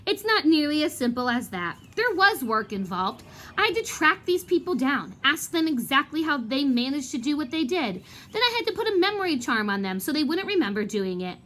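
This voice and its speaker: A woman acts out a vain male wizard professor from a storybook, making him evasive, self-important, pompous and boastful. The fairly high voice swoops around, sing-song and brisk with a fairly bright tone, sounding grand yet hesitant.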